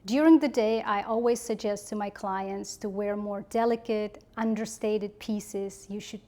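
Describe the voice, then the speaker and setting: A woman giving polished instructional advice as an etiquette coach, with prim, measured, precise enunciation. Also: mid-range voice, steady tone, dark tone.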